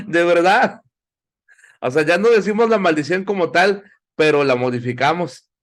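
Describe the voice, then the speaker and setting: Middle-aged male preacher-teacher, slightly high voice, urges and questions his class. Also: lively intonation, a little fast. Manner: exhorting, asks the audience questions. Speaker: Bible institute teacher. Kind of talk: sermon-style Bible class.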